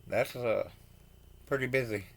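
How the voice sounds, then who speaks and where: A man hosting a football news show, reading signings from his notes with halting pauses, stumbling over names and adding blunt opinions. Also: medium pitch, gravelly, fairly bright tone. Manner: opinionated asides. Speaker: host.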